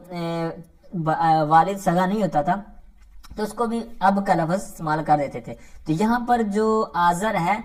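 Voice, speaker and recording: Man giving a patient grammar lecture. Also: high-pitched. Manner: keeps checking in with "theek hai" between points; recites scripture verses slowly and carefully. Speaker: religious studies teacher.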